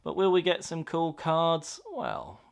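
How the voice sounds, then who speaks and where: A man's voice: a little high, very animated, takes it slowly, creaky, clean tone. A man chatting casually and enthusiastically as he hosts an unboxing, reacting aloud to what he finds. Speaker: host of a card pack opening video.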